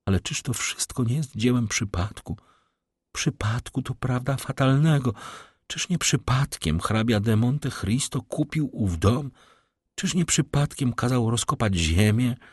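A man voicing a frightened, anguished middle-aged noblewoman in an audiobook, in a high, pleading, trembling voice. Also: animated, unhurried, husky, no echo, studio quality. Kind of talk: audiobook character reading.

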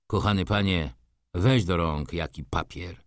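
A stern middle-aged merchant, as a male reader puts him on, talks low and hushed in a hollow voice. Each word comes slow and measured, coldly formal. The sound is close and dry in an audiobook. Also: no room sound. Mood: urgent. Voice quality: hollow, muted voice. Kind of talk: audiobook character reading.

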